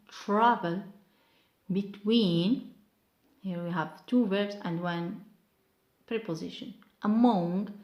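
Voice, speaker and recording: A woman whose first language is Arabic, teaching an English lesson and reading out word lists one by one, stressing each word deliberately. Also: medium pitch, a little mellow, roomy sound. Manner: slow, deliberate, stressing single words in drilled lists. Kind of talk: recorded grammar lesson.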